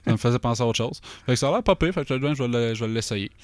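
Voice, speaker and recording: A middle-aged man with a Québécois accent tells a rambling story in an animated, offhand way, packing it with fillers and quick asides. His voice is smooth and clear, recorded close and dry with no room sound. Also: medium pitch, dry recording. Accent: Québécois French. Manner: animated anecdote-telling with many fillers and asides. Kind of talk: casual chat.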